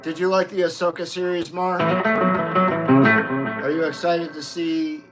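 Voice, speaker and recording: A man's voice: fairly high pitch, steady tone, takes it slowly, loud music behind the voice. A man in his fifties live-streaming as a musician, chatting casually with viewers, greeting them by name and swearing freely. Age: 50s.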